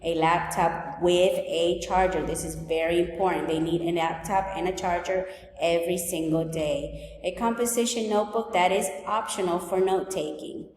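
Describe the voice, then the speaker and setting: Woman teacher from El Salvador, forties, clear list-by-list open house talk, echoey room with faint background noise. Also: on the low side, steady tone, normal speed, a little mellow. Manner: clear, list-like walkthrough of class rules. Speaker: high school Spanish teacher. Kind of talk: recorded open house presentation. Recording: echoey room, long reverb.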